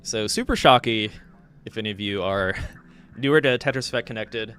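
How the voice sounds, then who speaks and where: A man's voice: fairly low pitch, moderate pace, fairly bright tone, smooth, faint music behind. A man hosting a live stream, casually commentating game matches and chatting with players, thinking aloud with fillers. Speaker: stream host and match caster.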